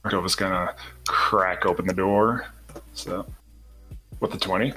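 A man's voice: sits low, fairly even intonation, measured pace, bright, forceful tone, faint music behind, rough recording. A man playing a character in a tabletop game, talking in a playful, joking way. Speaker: player. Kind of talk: casual tabletop play.

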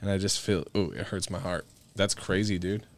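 A man's voice: low voice, steady tone, moderate pace. A man co-hosting a casual podcast, joking and talking in loose, profane slang. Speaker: podcast co-host.

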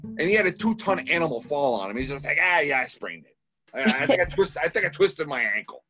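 He's a filmmaker from Massachusetts with a Boston accent, guesting on a podcast and animatedly performing the dialogue in his casual stories. His pitch is fairly high and he talks a little fast. Soft music plays under the lo-fi sound.

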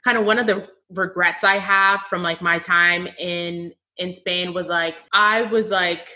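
Young American woman, podcast host, bright tone, chatty, lots of fillers. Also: fairly low pitch, fairly even intonation, measured pace. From United States. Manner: chatty, laughs often, fillers. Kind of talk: casual chat.

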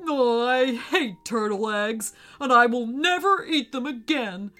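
A woman voicing a hungry, sneaky male sea monster in a children's story, shouting and drawing out his words. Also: fairly high pitch, faint music behind. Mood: vowing. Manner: shouting, drawn-out.

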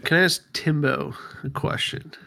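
A man's voice: on the high side, steady tone, moderate pace, gravelly, bright, forceful tone, no echo. A man co-hosting a podcast in a casual group chat, asking questions in an informal, conversational way. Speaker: podcast co-host.

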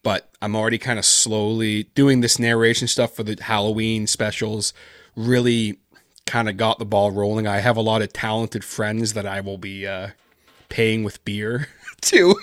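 A man's voice: fairly low pitch, fairly bright tone, no echo, studio quality. A man guest chatting casually in an interview, rambling with lots of fillers. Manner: rambling, heavy on fillers like "like" and "kinda". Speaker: podcast guest, horror story writer. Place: based in Canada.

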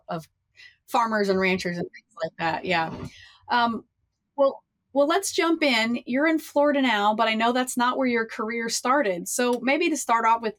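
A woman's voice: mid-range voice, a bit bright. Chatty woman hosting a podcast. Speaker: podcast host. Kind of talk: conversational interview.

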